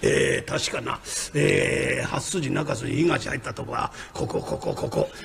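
A man telling a comic rakugo story in Kamigata Osaka dialect, lively and switching voices for each character. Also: mid-range voice, unhurried, vocal fry, background noise. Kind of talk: traditional comic storytelling performance.

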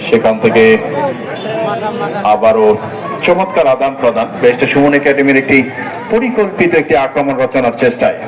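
A man's voice: medium pitch, normal speed, long pauses, low-quality recording. Guy doing live football commentary, gets frantic on attacks, crowd noise all around. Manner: frantic, excited surges during attacks. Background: stadium crowd.

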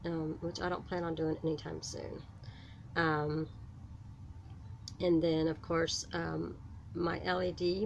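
Slow, gravelly-voiced woman vlogging on her boat. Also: on the low side, a little hiss or hum, low-quality recording. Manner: unhurried, lots of ums, explaining her boat projects. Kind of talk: casual vlog narration. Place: cramped sailboat cabin. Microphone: phone camera held close.

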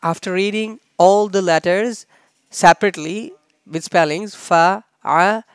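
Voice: mid-range voice, moderate pace, clear, resonant tone, dry recording, studio quality. A Quran reading teacher drilling Arabic letters and vowels syllable by syllable, repeating each sound and then blending the word, with short plain English explanations between drills.

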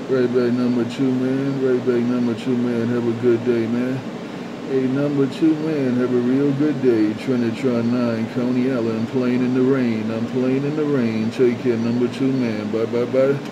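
A man's voice: medium pitch, flat delivery, normal speed. A man calling out on a CB radio, repeating his handle in a chanting, sing-song way. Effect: CB radio transmission. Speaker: CB radio operator. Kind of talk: CB radio call. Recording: muffled CB radio with loud static.

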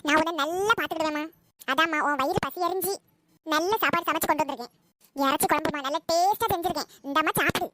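A woman's voice: high-pitched, fast talker, sharp tone. A woman playing a wheedling scheming daughter. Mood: coaxing. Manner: wheedling, pleading. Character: coaxing, scheming adult daughter. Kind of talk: comedy skit acting. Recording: noisy home recording.

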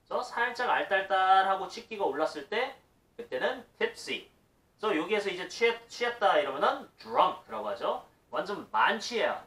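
Lively Korean man teaching English. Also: on the high side, roomy sound, far from the mic. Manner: lively, switches between Korean and English example phrases. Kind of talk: casual video lesson.

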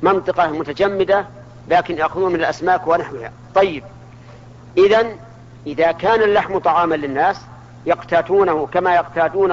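An Islamic scholar teaches a religious lesson in a fairly high-pitched male voice, posing questions to his listeners and then answering them himself. The archival recording is dull and lo-fi, with a slight hiss or hum.

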